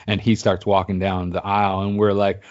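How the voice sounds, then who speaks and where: Man, low register, casual profane storyteller, dull lo-fi recording. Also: monotone, normal speed. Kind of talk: casual chat. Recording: dull lo-fi sound.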